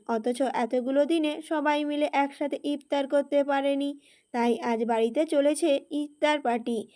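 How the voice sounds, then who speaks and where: A woman storyteller giving a steady, expressive scripted narration of a romance story. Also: high-pitched.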